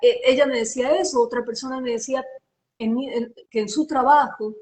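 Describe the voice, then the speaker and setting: A woman from Ecuador with a Guayaquil accent, a voice and diction coach explaining in an animated, teacherly way during a live interview. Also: sits high, fairly quick. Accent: Guayaquil Spanish. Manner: animated, expressive, teacherly, asks rhetorical questions.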